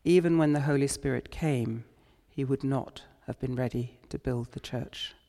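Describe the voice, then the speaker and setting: A man preaching a sermon in church, retelling scripture in an unhurried, reflective way. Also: medium pitch, gravelly, mellow. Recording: long church reverb.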